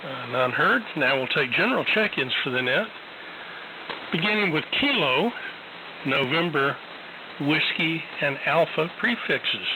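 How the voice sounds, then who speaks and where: Man running a radio net through loud static. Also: a little high, a little slow. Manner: relaxed, folksy, with frequent uhs. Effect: radio transmission under heavy static. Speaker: ham radio net control operator. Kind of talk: radio net check-ins.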